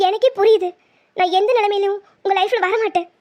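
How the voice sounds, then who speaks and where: A woman's voice: very high voice, lively intonation, fast talker, darkish tone. A woman voicing a wronged young college woman, emotional and defiant, in a cartoon. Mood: pleading. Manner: pleading then defiant, emotional.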